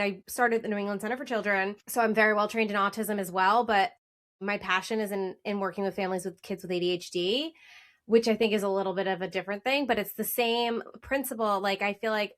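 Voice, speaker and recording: A woman's voice: medium pitch, fairly bright tone. A woman hosting a podcast, talking eagerly in casual chat and often restarting her sentences.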